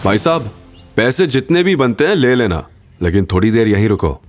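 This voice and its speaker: A man voicing a protective young male hero who speaks in a low, firm way. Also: sing-song, normal speed, soft background music, natural voice.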